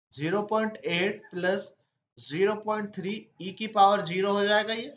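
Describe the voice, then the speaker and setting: Man explaining step by step, high voice. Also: fairly bright tone, reverberant, muffled recording. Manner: asks himself questions and answers them step by step. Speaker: teacher. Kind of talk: exam-prep lecture.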